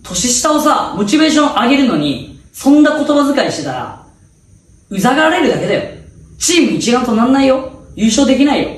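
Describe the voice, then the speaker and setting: A man's voice: very high voice, very animated, a little fast. A man playing a cocky, mocking junior athlete. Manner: cocky, mocking, drifting into Kansai-style speech. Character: cheeky defiant male first-year student athlete. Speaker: comedy sketch performer. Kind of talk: comedy sketch acting. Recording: echoey room, mic from a distance.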